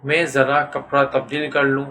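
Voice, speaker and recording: A man's voice: medium pitch, monotone, bright, forceful tone. A man voicing a suspicious, practical young man. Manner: doubtful, matter-of-fact.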